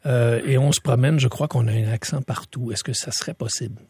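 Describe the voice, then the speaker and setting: Gravelly Québécois radio host. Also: male voice, medium pitch, steady tone, fairly quick, a little mellow, no room sound, clean studio sound. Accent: Quebec French. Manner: conversational, fillers, polite wrap-ups. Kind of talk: radio talk show. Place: radio studio.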